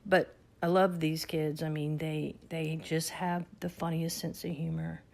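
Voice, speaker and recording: A woman's voice: low voice, flat delivery, unhurried, vocal fry, darkish tone. A middle-aged woman telling family stories in a chatty, salty way, laughing as she goes. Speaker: vlogger telling her life story. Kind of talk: casual storytelling.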